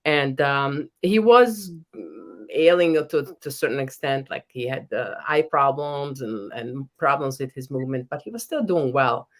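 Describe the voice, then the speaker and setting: A middle-aged woman from Hungary, a professor and author, speaks as a guest in a podcast interview with a Hungarian accent. Her voice rumbles low, with lively intonation and a measured pace. She talks earnestly, often restarting sentences.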